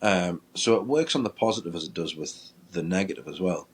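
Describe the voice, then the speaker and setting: A man, a paranormal investigator, telling a ghost-hunting story in a lively way and acting out his own reactions. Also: low-pitched, brisk, breathy edge. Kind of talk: storytelling in casual chat.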